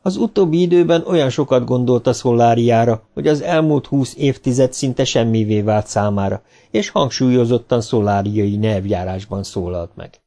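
A man's voice: medium pitch, warm tone. Man reading an audiobook aloud. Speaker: audiobook narrator. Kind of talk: scripted narration.

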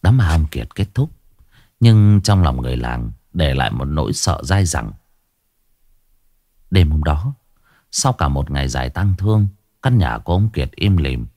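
A man narrating a ghost story in a dramatic, expressive reading. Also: very deep voice, unhurried, pauses often, no echo.

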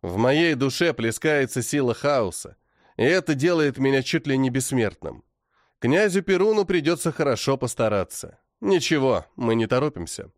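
A man narrating a first-person fantasy audiobook in a dramatic, expressive way. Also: mid-range voice, moderate pace, no echo, clean studio sound.

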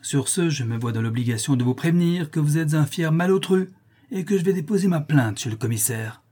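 A man's voice: on the high side, lively intonation, a little fast, warm tone, husky, pitched above the performer's own voice. A man voicing a naive, pompous middle-aged busybody man who speaks sententiously. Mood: indignant. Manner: sententious, indignant.

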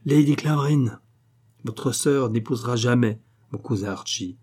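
A man voicing a proud young gentleman who speaks in heated, emphatic bursts, in a read-aloud novel. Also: medium pitch, normal speed, breathy edge, natural voice. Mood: indignant. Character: proud young gentleman, hot-tempered and indignant.

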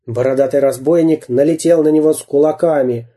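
Slow storybook reader, husky, very dark mellow tone. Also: mid-range voice, steady tone. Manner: slow, dramatic story reading. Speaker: narrator. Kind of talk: storybook reading.

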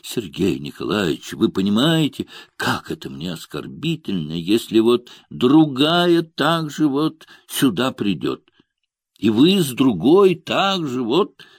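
A man's voice: medium pitch, sing-song, slow pace, breathy edge, no room sound, clean studio sound, heavily acted. A man reading a jealous, wounded young woman. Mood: hurt pleading. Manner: reproachful, emotional pleading. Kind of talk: audiobook dialogue reading.

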